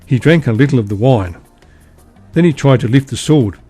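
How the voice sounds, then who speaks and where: Male storyteller, calm bedtime narration, soft music bed. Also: medium pitch, moderate pace, husky.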